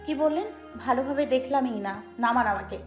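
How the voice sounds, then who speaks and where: A woman's voice: high voice, brisk, lo-fi sound, faint music behind, natural voice. A woman playing a sleepy, stubborn teenage girl in an audio story, with a mumbling, sleep-broken voice.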